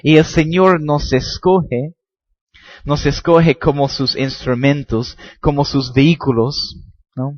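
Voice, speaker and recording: A man's voice: a little high, fairly even intonation, takes it slowly, a little mellow, no room sound, muffled recording. A man teaching a Bible study sermon, reading scripture aloud rising emphasis, repeating words and adding tag questions.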